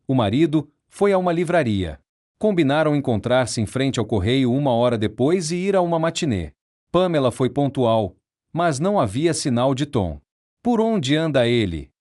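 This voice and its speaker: Steady male audiobook narrator. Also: medium pitch. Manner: measured, steady, explanatory. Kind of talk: nonfiction audiobook reading.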